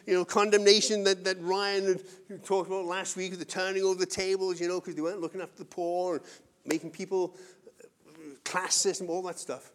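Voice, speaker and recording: High-voiced man preaching a sermon. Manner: earnest, conversational preaching with wide swings in loudness. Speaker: pastor.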